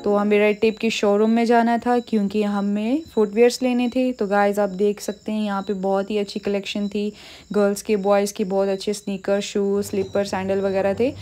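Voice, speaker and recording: A woman's voice: mid-range voice, flat delivery, normal speed, warm tone. A young woman from Jammu narrating a casual shopping vlog in a chatty, listing way. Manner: chatty, listing things with lots of "vagairah" and "to guys". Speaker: vlogger.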